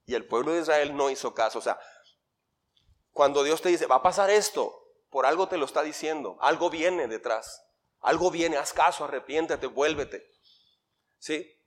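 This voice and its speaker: A middle-aged Mexican pastor with a fairly high voice teaches scripture to his church in a conversational way. He tosses questions to the congregation and fills in the answers himself. His delivery swings between loud emphatic lines and soft asides. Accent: Mexican Spanish. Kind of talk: interactive Bible teaching sermon.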